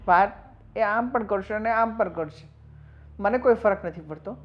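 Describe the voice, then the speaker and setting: A man's voice: a little high, steady tone, moderate pace, lightly acted. A young man acting as a husband who defends his marriage to an older woman, talking earnestly. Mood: defiant. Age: young adult. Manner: earnest, pleading, rising to defiant outbursts. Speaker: young husband in a family drama. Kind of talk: Gujarati short-film acting. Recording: dull lo-fi sound with faint noise.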